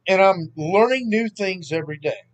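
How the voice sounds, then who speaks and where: Here's a high-pitched Southern man in his thirties, originally from Mississippi, running his history channel from home. He rambles in an easygoing, self-mocking vlog style at an ordinary pace.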